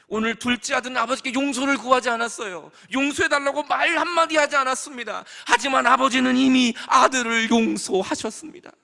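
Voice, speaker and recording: A man's voice: extremely high pitch, vocal fry, sharp tone, big-room sound. A man preaching a fervent sermon as pastor in a church sanctuary, acting out the father's words.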